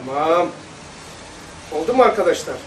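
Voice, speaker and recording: A man giving an informal religious lesson to a small audience, talking in an animated, chatty way and often turning to address the room directly. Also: fairly high pitch, moderate pace. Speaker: religious teacher. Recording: roomy sound, voice from far off the mic, faint background hum.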